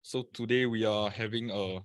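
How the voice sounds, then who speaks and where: A man's voice: on the low side, fairly even intonation, moderate pace, no echo. Male webinar presenter from Singapore, casual and chatty, greets viewers by name, dry computer-mic sound. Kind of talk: live webinar talk.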